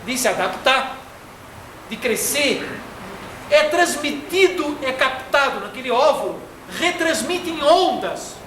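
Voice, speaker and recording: A man from Florianópolis with a Brazilian Portuguese accent, giving a slow, didactic spiritist lecture. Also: very high-pitched, pushed and bright. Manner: didactic, slow and deliberate, fond of diminutives. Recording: echoey hall from far off, faint noise.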